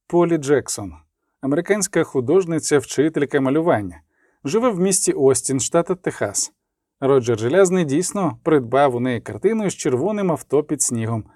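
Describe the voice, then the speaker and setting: A man reading an audiobook as narrator, with lively dramatic emphasis and the dialogue lines voiced. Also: a little high, dry recording, clean studio sound. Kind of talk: scripted narration.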